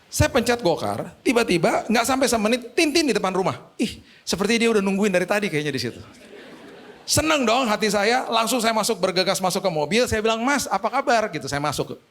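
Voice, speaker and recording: A male pastor, preaching a sermon through lively, humorous storytelling. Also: sits high, a little fast.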